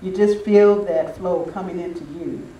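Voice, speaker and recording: Speaking to a gathering at a spiritual retreat, an older man gives an informal talk full of anecdotes and reminiscences. His voice sits high and holds a steady tone at a normal speed. The recording is lo-fi and roomy, from a distant mic with faint noise.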